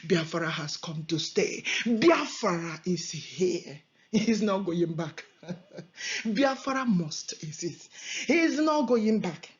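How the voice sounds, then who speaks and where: In dull lo-fi audio, a woman with a Nigerian Igbo accent delivers a fervent prophetic sermon and prayer, slowly and animatedly in a lowish voice. She is emphatic and repetitive, moving between Igbo, English and Pidgin.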